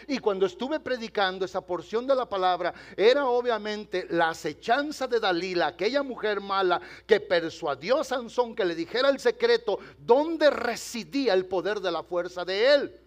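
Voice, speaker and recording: His voice sits high and is expressive as this pastor delivers a Spanish sermon in church. He tells a story punctuated by dramatic pauses, invites the congregation to answer, and drops in bits of English.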